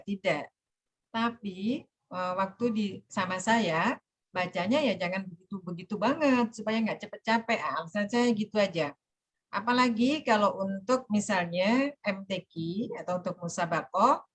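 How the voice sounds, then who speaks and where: Woman lecturer patiently explaining recitation. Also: medium pitch. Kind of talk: online class lecture.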